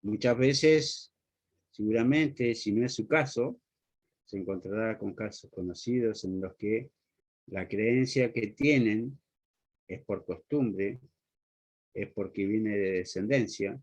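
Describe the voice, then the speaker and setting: A man's voice: lowish voice, slow pace, darkish tone. A man preaching a sermon, speaking earnestly and putting pointed rhetorical questions straight to the listener. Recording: dull lo-fi recording.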